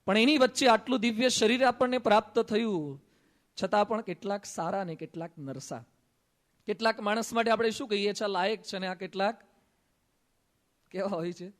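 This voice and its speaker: High-voiced Gujarati monk preaching. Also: male voice, moderate pace. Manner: storytelling with quoted dialogue and humor. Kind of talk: sermon. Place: assembly hall.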